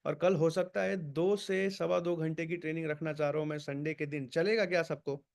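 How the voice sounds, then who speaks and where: Brisk, urging male sales trainer. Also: a little high, vocal fry. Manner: energetic and urging, switching between Hindi and English words. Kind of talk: online training session.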